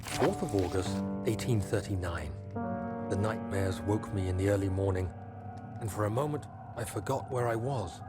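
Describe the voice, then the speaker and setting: An actor playing a troubled, educated nineteenth-century gentleman, reading his journal in a formal, solemn way for a video game. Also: on the low side, over loud music, natural voice. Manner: formal, solemn, measured recital. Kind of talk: scripted diary narration in a video game.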